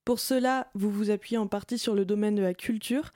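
A woman's voice: medium pitch, steady tone, fairly quick, darkish tone, dry recording, clean studio sound. A woman hosting a radio interview, asking questions in a friendly, giggly manner.

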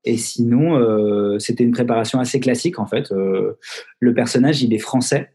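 A male actor talking casually over a video call, with a mellow, slightly husky voice. He jokes in a teasing way and often spins mock-serious tall tales. His tone is relaxed and easygoing. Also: mid-range voice, normal speed. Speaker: actor guest.

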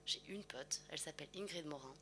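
A woman's voice: low-pitched, fast, sharp tone, slight background noise. A woman guest chatting casually, hesitant and amused. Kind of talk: casual chat.

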